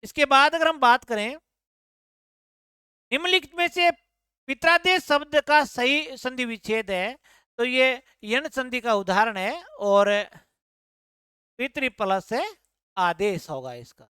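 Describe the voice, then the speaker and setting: A woman tutor goes through exam answers one by one, asking a question and then answering it herself. Her voice sits a little high and comes across smooth and clear. The recording is dry and close, with no room sound. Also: expressive, slow pace, pauses often, pushed and bright, no room sound. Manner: explanatory, repeats answers as questions. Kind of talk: explaining exam answer key.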